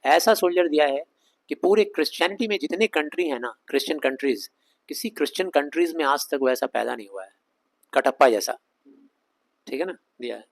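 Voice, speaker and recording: A man teaching a Shakespeare scene line by line, reading the English slowly in an Indian accent and explaining it in conversational Hindi with rhetorical questions. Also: on the high side, lively intonation, gravelly, low-quality recording. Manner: reads English lines slowly, explains them fast in Hindi.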